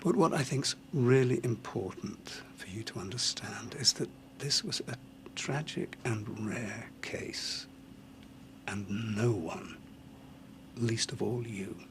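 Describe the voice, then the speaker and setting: An actor playing a calm doctor who gently breaks hard news in a TV drama, in a measured, careful way. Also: male voice, mid-range voice, vocal fry, slight background noise. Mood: grave, gentle. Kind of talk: TV soap drama.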